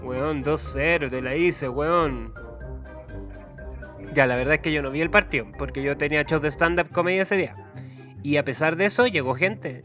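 A man with a Chilean Spanish accent rambles through a profane, self-mocking comic monologue. His voice sits a touch high. The recording is dull and lo-fi, with faint music playing underneath. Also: fairly bright tone. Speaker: comedian.

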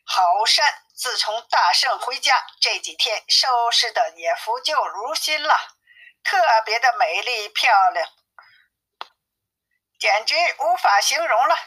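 Bright-voiced woman reading a classic tale. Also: on the high side, expressive, takes it slowly, husky, low-quality recording. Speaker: narrator. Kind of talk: audiobook story reading.

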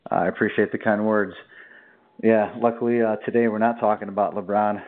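A man's voice: on the low side, fairly even intonation, a little fast. Chatty man hosting over a tinny line. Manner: friendly, loose, chatty questioning. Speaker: podcast host interviewing a caller. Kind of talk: casual interview.

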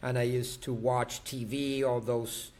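A man's voice: mid-range voice, little pitch movement, unhurried, a little mellow. A man, a guest on an interview, talking casually, laughing and repeating words for emphasis. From Argentina. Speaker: guest, actor and tango dancer.

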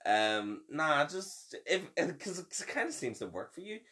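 A man's voice: on the high side, very animated, normal speed, bright, forceful tone. A young man, co-hosting a podcast with teasing, sarcastic, sweary banter. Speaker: podcast co-host. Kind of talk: casual banter.

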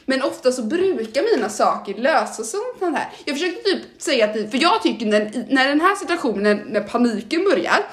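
A woman's voice: high voice, sing-song, hardly any pauses, echoey room. A young woman co-hosting a podcast, chatting casually in an upbeat, teasing way. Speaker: podcast co-host. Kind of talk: casual chat.

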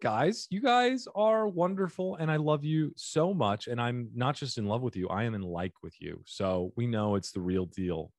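A man's voice: on the low side, a little mellow, dry recording. A man hosting a comedy podcast in a campy, theatrical, playful way, drawing out his words. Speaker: podcast host. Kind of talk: comedy advice podcast intro and banter.

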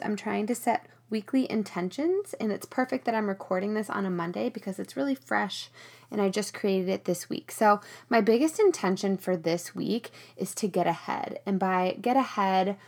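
A woman's voice: medium pitch, vocal fry. Chatty woman podcaster, rain on tin roof. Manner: chatty, conversational. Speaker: podcast host. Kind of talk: casual solo podcast monologue. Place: small storage room in a loft under a tin roof.

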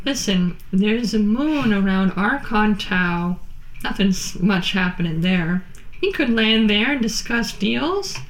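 A woman voicing a sultry, self-assured female starship captain in a tabletop game, with a drawn-out seductive delivery. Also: medium pitch, lively intonation, echoey room, slight background noise, rough recording. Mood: sultry, enticing.

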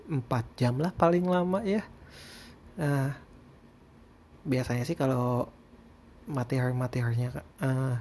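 Casual Indonesian man with soft, slurred r's. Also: mid-range voice. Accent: Jakarta-area Indonesian. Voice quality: speech impediment, cannot roll or clearly say the r sound (cadel). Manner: informal, rambling, hesitant. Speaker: podcast host. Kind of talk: casual solo podcast diary.

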